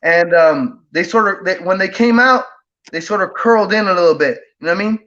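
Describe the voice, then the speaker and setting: A man's voice: sits high, brisk, a bit bright. A man telling a story as a guest in casual talk, rambling with lots of fillers and tag questions. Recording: dull lo-fi audio.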